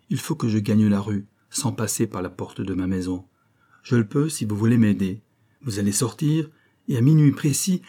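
A man's voice: medium pitch, dark tone, natural voice. Man doing a resolute young painter. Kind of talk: audiobook character voice.

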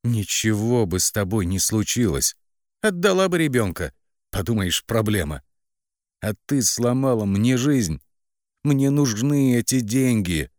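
A man voicing a spiteful, cruel young woman who mocks her sister in a shrill, contemptuous voice. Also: sing-song, slow, dry recording, studio quality. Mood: mocking.

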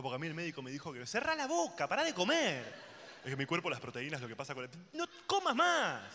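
Lively Argentine stand-up comic. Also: male voice, mid-range voice, big-room sound, slight background noise. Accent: Argentine Spanish. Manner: loose, chatty, teasing the crowd with sudden loud outbursts. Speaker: stand-up comedian. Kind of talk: live stand-up routine.

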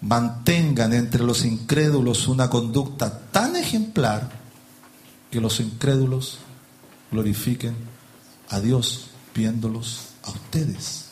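A man's voice: medium pitch, slow pace, darkish tone. A male pastor preaching a sermon in a church, reading scripture and asking the congregation rhetorical questions. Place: church with pews.

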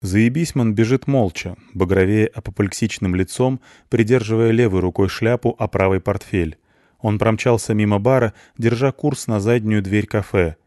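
A man reading an audiobook in an even, unhurried narration. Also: fairly low pitch, no echo. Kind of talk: scripted narration. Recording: dry close studio sound.

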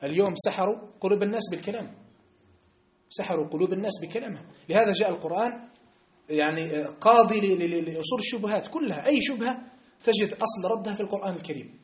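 Fast, high-voiced North African Arabic teacher. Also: male voice, lively intonation. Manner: emphatic, keeps checking understanding with rhetorical questions. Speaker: religious teacher. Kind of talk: classroom lesson. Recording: echoey room.

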